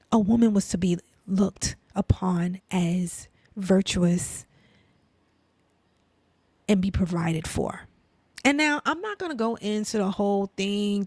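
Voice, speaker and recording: Speaking in a mid-range voice with no room sound, this Brooklyn-accented woman, a faith and lifestyle speaker, delivers a relaxed inspirational talk. She poses rhetorical questions, checks in with "right?" and "you know," and occasionally drops to a soft near-whisper.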